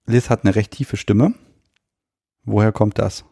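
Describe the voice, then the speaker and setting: Low, gravelly male podcast host. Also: fairly even intonation, unhurried, dark tone, no room sound, clean studio sound. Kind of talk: casual podcast hosting. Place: guest's living room.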